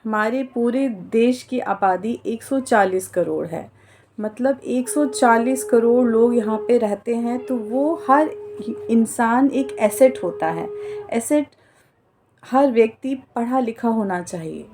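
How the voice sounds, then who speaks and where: A woman's voice: fairly high pitch, slow pace, noisy background. A woman giving an earnest explainer monologue, defining terms and mixing in English words as she goes. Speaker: political commentator.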